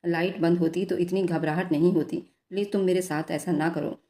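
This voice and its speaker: Timid young bride, pleading, mellow low voice, read by a woman narrator. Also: fairly even intonation, a little fast, natural voice. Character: shy, tearful young bride.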